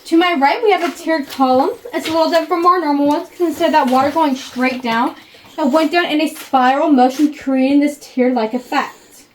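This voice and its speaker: A woman's voice: sits high, fairly even intonation, a little fast. A woman giving a memorized guided tour talk, her voice echoing inside a cave. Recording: echoey cave, distant mic, faint noise.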